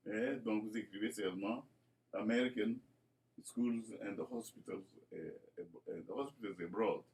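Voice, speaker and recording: A man from Congo with a slightly mellow voice on the low side presents his school project to inspectors as its founder. His hesitant spoken presentation is formal and churchly, full of fillers and repeated words.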